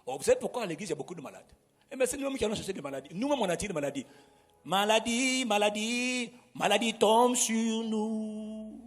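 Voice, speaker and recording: A husky, high-voiced male pastor preaches with emphasis and leads call-and-response. His pitch swings widely. The sound rings with long hall reverb over faint music. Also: big pitch swings, very fast, a little mellow. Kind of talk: sermon.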